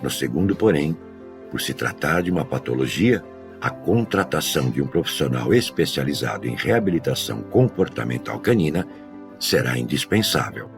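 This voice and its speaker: A man working as a dog trainer, giving a measured, scripted educational narration. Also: very deep voice, big pitch swings, gravelly, music in the background. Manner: measured, explanatory delivery.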